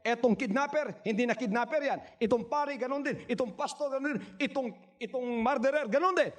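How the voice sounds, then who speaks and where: A man preaching a sermon in Taglish, repeating words for emphasis, swinging from quiet asides to shouted cries, and firing questions at his congregation. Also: extremely high pitch, fairly quick. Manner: asks the crowd rhetorical questions. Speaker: pastor.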